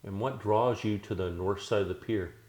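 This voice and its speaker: A man with a lowish voice hosts a laid-back interview. He puts friendly, casual questions to his guest. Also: normal speed, darkish tone. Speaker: interviewer, host.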